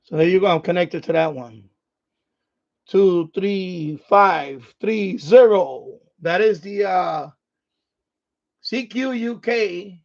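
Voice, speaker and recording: High-pitched gravelly man, casual streamer. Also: takes it slowly. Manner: muttering to himself, with louder call-outs. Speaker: ham radio live stream host. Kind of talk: casual live stream chat with radio calls. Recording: dull, lo-fi sound.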